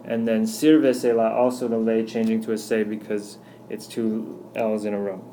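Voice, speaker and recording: A man teaching a recorded grammar lesson, walking through slide examples patiently and slowing down to spell out each one. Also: on the low side, little pitch movement, warm tone, a little hiss or hum. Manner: patient, explanatory, slows down on examples. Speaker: Spanish teacher.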